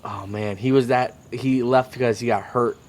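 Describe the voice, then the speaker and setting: A man with a medium-pitched voice co-hosts a sports podcast from a backyard at night. He talks casually and agreeably, often repeating a phrase to drive it home. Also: fairly even intonation, moderate pace, darkish tone. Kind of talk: casual chat and sports commentary. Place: outdoors in a residential backyard at night.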